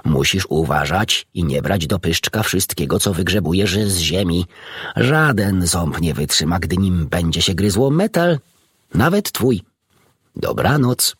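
A man voicing a kindly, unflappable male doctor who speaks calmly and reassuringly, in an audiobook reading with a low, husky voice. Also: a little slow, no room sound, studio quality, exaggerated voice. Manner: calm, reassuring, gentle.

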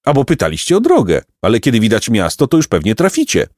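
A man's voice: medium pitch, wildly swooping pitch, fast, darkish tone, dry recording, studio quality. A man voicing a cheerful, good-natured peasant who talks in a hearty, simple-hearted, laughing way, in a storybook reading.

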